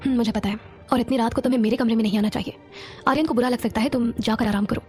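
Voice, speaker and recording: A woman narrator voicing a calm, protective young man who speaks in a firm, measured way. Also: fairly high pitch, faint music behind, natural voice.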